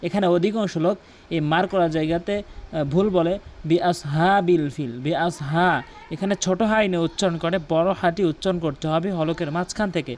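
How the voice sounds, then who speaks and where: Bangladeshi guy teaching quran recitation, chants real slow then rattles off corrections, repeats words over and over. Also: high voice, steady tone, a little mellow, a little hiss or hum. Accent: Bangladeshi Bengali. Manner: slow drawn-out chanting alternating with quick corrective explanation. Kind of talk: recitation lesson with drills.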